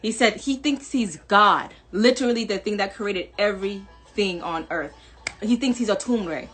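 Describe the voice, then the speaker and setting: With soft music playing behind her, she speaks at medium pitch and moderate pace in a somewhat bright tone. The New York woman of Jamaican descent, Jamaican-American in accent, delivers an emphatic, candid monologue to viewers, repeating herself and laughing between points.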